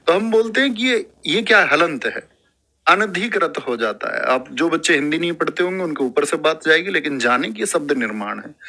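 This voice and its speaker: Bright, lively male teacher. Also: fairly high pitch. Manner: lively, lecturing, repeating terms aloud and reciting verse. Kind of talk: classroom lecture. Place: classroom.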